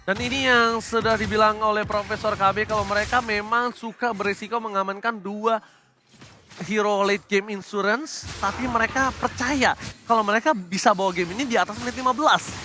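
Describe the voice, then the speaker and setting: A man doing live play-by-play esports commentary as a caster, with an excitable delivery. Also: sits high, brisk, over music. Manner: excitable, builds to shouting at big plays.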